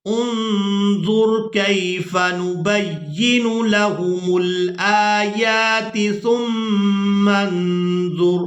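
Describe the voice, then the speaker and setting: A man teaching Quran pronunciation in a lesson, explaining the rules and then chanting the verses slowly. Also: high voice, fairly bright tone, reverberant. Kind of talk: tajweed lesson with chanted recitation.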